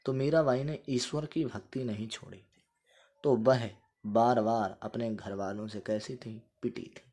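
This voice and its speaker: A man teaching vocabulary with memory tricks, playful and animated, acting out little scenes and answering for his students. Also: medium pitch, unhurried.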